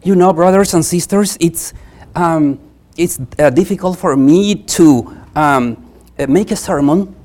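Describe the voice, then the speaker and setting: A visiting preacher whose native language is Spanish gives a church sermon with a Spanish accent. His mid-range, warm voice is halting and earnest, and he repeats phrases for emphasis.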